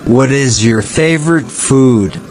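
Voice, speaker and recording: A man's voice: mid-range voice, lively intonation, takes it slowly, a little mellow, faint music behind. A man asking simple scripted questions in a repeated language-practice dialogue.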